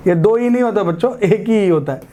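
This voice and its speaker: A man's voice: sits high, expressive, brisk, warm tone. A man with an Indian accent gives a classroom lecture in a chatty, coaxing way. He keeps asking his students rhetorical questions and slips into English phrases. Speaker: teacher.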